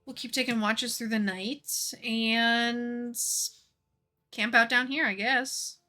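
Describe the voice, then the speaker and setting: A woman's voice: on the high side, steady tone, slow, bright, forceful tone. A woman playing a tabletop game, chatting casually and making wry, dry quips. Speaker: player.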